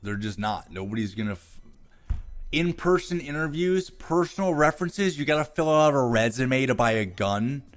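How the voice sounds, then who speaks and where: An American man offers opinionated video commentary at a moderate pace, his medium-pitched voice lively in intonation. He reads things aloud and mocks them with sarcastic, profane contempt.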